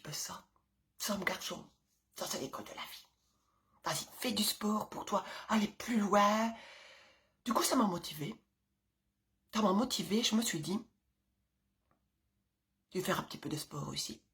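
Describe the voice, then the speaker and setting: A middle-aged mother talks casually to her viewers in a rambling, animated way. She fills pauses with hesitations and often drops into whispered asides. Her voice sits at an ordinary mid pitch for a woman. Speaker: vlogger, mother of several children. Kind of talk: casual chatty monologue to camera.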